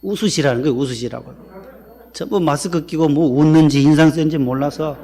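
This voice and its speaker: A man's voice: fairly high pitch, brisk. A male pastor telling light jokes to his congregation before the sermon. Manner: joking warm-up before the sermon.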